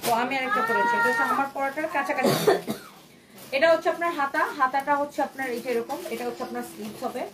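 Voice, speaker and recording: In a clothing shop, a woman with a Bangladeshi Bengali accent gives a live-stream sales pitch as an online clothing seller. Her voice sits high and she talks fast, coaxingly repeating herself and dropping in English phrases. The recording is very noisy.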